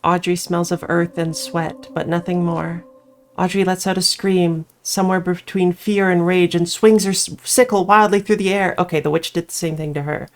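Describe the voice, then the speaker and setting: Over the game's background music and some slight noise, a woman reads a visual novel as she plays, adding her own casual asides. Her voice is lowish and steady, at a normal speed.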